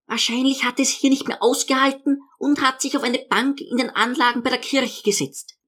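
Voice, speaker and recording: A male narrator voicing a tense, sharp-tongued older daughter, speaking in clipped, shrill bursts under strain. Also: fairly even intonation, normal speed.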